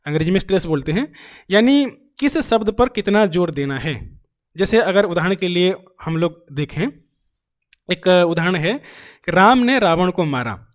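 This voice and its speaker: High-voiced man teaching an exam lecture. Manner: explains by asking and answering his own questions; repeats key phrases, with frequent pauses and fillers. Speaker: Hindi teaching-methods teacher.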